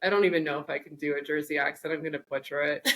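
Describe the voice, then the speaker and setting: A woman's voice: low voice, fairly even intonation, fast, a bit bright, slight background noise. A woman co-hosting a podcast in casual chat, telling stories in a joking, rambling way. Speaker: podcast co-host.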